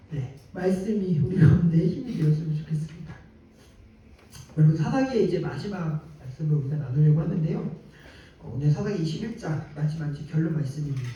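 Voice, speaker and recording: A man's voice: on the high side, warm tone. A man preaching a sermon to a young adults' group in a conversational way, often turning to the congregation with questions. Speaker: pastor. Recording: echoey hall, distant mic, dull lo-fi.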